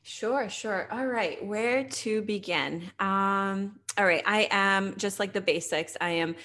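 A woman's voice: medium pitch, slow pace, sharp tone. Chatty woman host in her thirties. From Slovakia. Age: 30s. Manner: chatty, many fillers like "like" and "you know". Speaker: podcast host and health coach. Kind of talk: casual interview chat.

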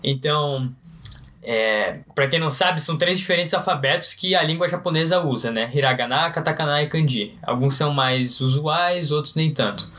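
A man's voice: a little high, moderate pace, fairly bright tone. A man from Brazil, hosting a casual interview in a laid-back, slangy way and thinking aloud as he asks questions. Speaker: host.

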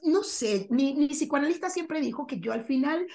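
A woman talking as a guest on a podcast over a video call, telling her story in an expressive, frank way. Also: high-pitched, normal speed. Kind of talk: casual conversation on a video call.

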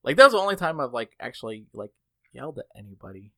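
A man telling stories with a lively, wide-swinging voice, close and dry on the mic. He laughs often as he talks and jumps high to imitate others. He is chatting casually as a podcast co-host. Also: fast, no room sound. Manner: animated storyteller, jumps high to mimic others; laughs often while talking. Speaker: podcast co-host reading gaming news. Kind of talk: casual chat and anecdote.

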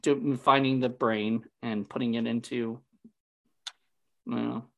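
A man recapping a film in relaxed conversation, talking in loose, meandering sentences full of fillers. He keeps breaking into laughter as he retells his favorite lines. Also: medium pitch, measured pace, vocal fry, muffled recording. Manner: rambling, many fillers, laughs at the jokes he retells. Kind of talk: casual chat recapping a movie.

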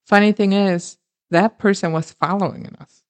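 A chatty woman from Germany co-hosts a relaxed podcast, laughing easily as she reads out comments. Her voice sits at an ordinary pitch for a woman. The sound is dry and close, with no room echo. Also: moderate pace. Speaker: podcast co-host. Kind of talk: casual chat.

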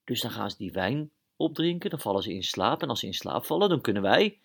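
A nervous lookout guard who stammers and hesitates, as a storyteller puts him on. He repeats words as he thinks out loud, in a voice close to the narrator's own. He sounds like a storybook guard. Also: mid-range voice, very animated, brisk, vocal fry, husky, full character voice. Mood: earnest.

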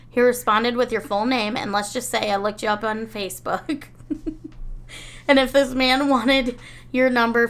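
Woman, 30s, podcast co-host, somewhat high voice, blunt, self-deprecating, salty language. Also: fairly bright tone. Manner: candid, swears freely, self-mocking. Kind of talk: casual chat.

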